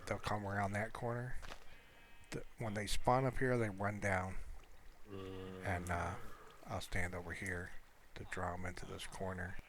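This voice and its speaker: Speaking at a measured pace in a deep voice, a man offers loose, off-the-cuff commentary on his gameplay, wandering and hesitating while he thinks aloud. He makes gaming videos as an amateur, and constant background noise sits under the recording.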